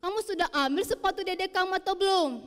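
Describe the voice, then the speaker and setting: A woman voicing a mother who questions her sons and gently scolds them. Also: extremely high pitch, quick pace, in a large hall, pitched above the performer's own voice. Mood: scolding. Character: concerned, firm mother.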